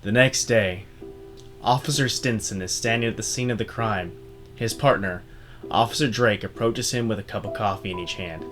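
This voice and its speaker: A man narrating a story in a steady, deadpan manner. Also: on the low side, normal speed. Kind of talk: dramatic narration. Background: guitar music.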